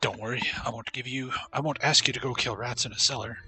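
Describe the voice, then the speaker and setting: A sneering raider boss who brushes off newcomers, as a streamer reads him out. The voice is very bright and pushed louder than plain talk. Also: male voice, medium pitch, a little fast, slightly rough, faint music behind, full character voice. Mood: gruff. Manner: sneering, dismissive. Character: scornful male raider boss.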